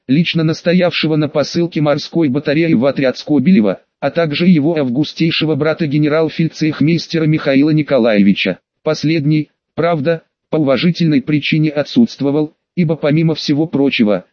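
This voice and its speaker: A man narrating an audiobook with even, measured storytelling. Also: fairly high pitch, dry recording. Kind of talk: scripted narration. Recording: dull lo-fi dry recording.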